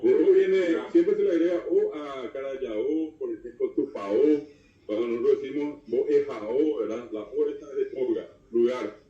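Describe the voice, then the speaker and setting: A man's voice: mid-range voice, normal speed. A man from Paraguay with a Paraguayan Spanish accent, explaining words as a guest on a TV talk show, lecturing with many fillers. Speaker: guest expert on Guarani. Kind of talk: explanatory TV interview. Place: TV studio. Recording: roomy, distant, dull TV audio.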